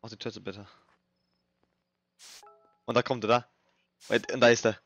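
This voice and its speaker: A man's voice: medium pitch, little pitch movement, normal speed, a bit bright. A young man doing nervous, swearing let's play commentary in street slang, reading game text aloud as he plays. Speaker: gaming streamer. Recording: dull lo-fi mic, dry.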